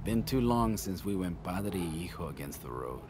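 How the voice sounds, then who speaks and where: A warm joking father. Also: sits low, normal speed, noisy background. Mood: fond teasing. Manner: joking, affectionate, lively. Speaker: father character.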